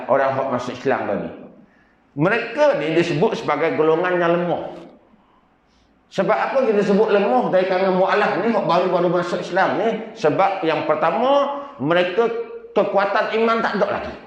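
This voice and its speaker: A male preacher from Sarawak, a native Bidayuh speaker, tells stories with joking asides in a rather high voice. His talk rings with heavy echo in a large mosque hall, and the recording sounds dull and lo-fi. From Sarawak, Malaysia. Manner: storytelling, jokey, lively asides. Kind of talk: humorous mosque lecture.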